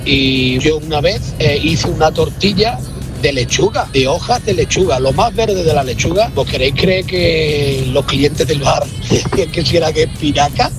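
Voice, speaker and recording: Male caller telling a kitchen anecdote, chatty, fairly high voice over loud music. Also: normal speed. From Extremadura, Spain. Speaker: radio caller. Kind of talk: phoned-in anecdote.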